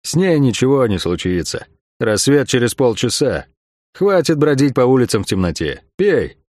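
A man's voice: mid-range voice, very animated, moderate pace, darkish tone, no room sound, studio quality, close to an everyday voice. A man doing a firm, caring old teacher. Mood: firm care. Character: older male teacher in his sixties, caring and firm.

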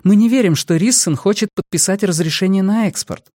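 A man voicing a fiery young female agent in an audiobook, urgent and close to shouting. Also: high-pitched, a little fast, no echo, voice pushed up. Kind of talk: audiobook character voice.

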